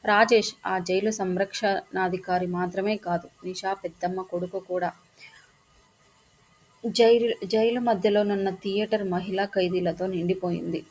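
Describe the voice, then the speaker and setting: Steady woman storyteller. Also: medium pitch, slight background noise. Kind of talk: scripted story narration.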